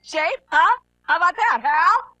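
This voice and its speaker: A woman's voice: extremely high pitch, animated, a little slow. A woman voicing a showy female bee talk show host who probes and teases her guest in a video game cutscene. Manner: probing, teasing interviewer. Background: music.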